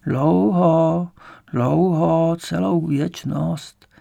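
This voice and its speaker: A male narrator voicing a frail, bedridden old grandmother who speaks slowly and weakly, resigned to everything. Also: sits low, steady tone, creaky, mellow. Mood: weak, plaintive. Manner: slow, weak, plaintive.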